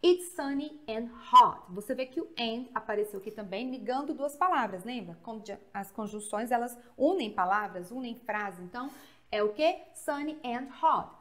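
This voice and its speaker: A woman from Goiás in Brazil with a Brazilian accent, teaching a chatty, animated English grammar lesson that mixes Portuguese and English and leans on frequent tag questions. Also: a little high, moderate pace.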